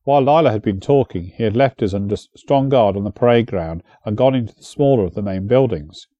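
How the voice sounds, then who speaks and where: A man narrating an audiobook in a measured storytelling manner on a close studio mic. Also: lowish voice, mellow, dry recording, lo-fi sound.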